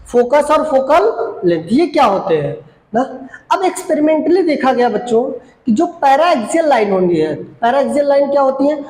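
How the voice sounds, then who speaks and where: A woman's voice: a little high, darkish tone. A woman teaching a physics lesson at a board. She repeats key terms, asks questions and answers them herself, and stretches English definitions out word by word. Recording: roomy echo, faint background noise.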